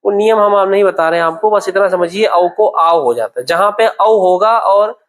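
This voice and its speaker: A man teaching Sanskrit grammar in a classroom, patiently repeating words and checking that students follow. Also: high-pitched. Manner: patient, repeats words slowly, asks "okay?" often. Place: classroom at a temple centre.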